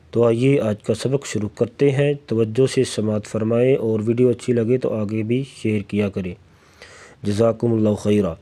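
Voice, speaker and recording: A man teaching a recitation lesson who chants verses slowly and explains the rules quickly in a low voice. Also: warm tone. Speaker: Quran tajweed teacher. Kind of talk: tajweed lesson, slow melodic recitation alternating with rapid explanation.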